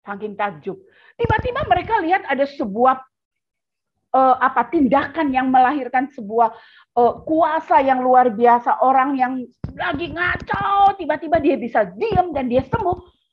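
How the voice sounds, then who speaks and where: A woman's voice: high voice, lively intonation, a little slow. A woman teaching a children's Bible lesson over a video call, telling the story animatedly and talking straight to the kids. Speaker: children's Sunday school teacher. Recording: dull lo-fi video call audio.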